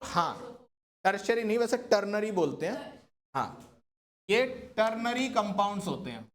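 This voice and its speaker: A man's voice: sits high, very animated, moderate pace. A man teaching a chemistry class, constantly asking his students questions and coaxing them to answer. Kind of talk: classroom lecture.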